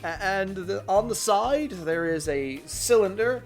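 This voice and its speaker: A man narrating a tabletop game as game master, describing scenes in an unhurried, halting way. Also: high-pitched, lively intonation, soft background music.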